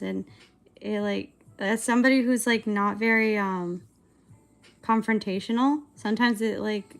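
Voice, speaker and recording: Creaky-voiced young woman rambling casually. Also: medium pitch. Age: 20s. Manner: rambling, hesitant, filler-heavy. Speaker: streamer and animator. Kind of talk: casual livestream chat while drawing.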